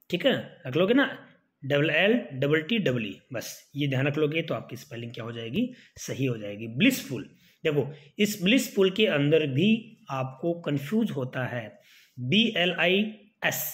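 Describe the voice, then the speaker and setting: A man's voice: fairly high pitch, fairly bright tone. Man spelling out words letter by letter. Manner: repeats and spells letter by letter, coaxing students. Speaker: English teacher. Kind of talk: exam-prep lesson, spelling out words.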